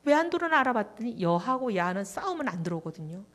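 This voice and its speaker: A woman's voice: medium pitch, quick pace. A middle-aged woman speaking as a guest at a church revival meeting, telling a testimony and acting out prayers and conversations. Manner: animated storytelling, acting out prayers and dialogue. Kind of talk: testimony sermon.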